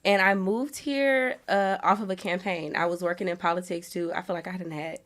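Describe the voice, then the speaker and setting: A young woman chats as a podcast guest, her low voice gravelly with vocal fry. She tells her story in a relaxed, rambling way, full of fillers. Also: brisk. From south side of Atlanta. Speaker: guest, hair braider. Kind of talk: casual chat.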